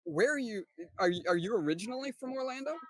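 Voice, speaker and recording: A man's voice: extremely high pitch, expressive, fast talker, no echo. A man from South Texas hosting a casual interview podcast, asking friendly questions and sharing his own stories. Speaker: podcast host.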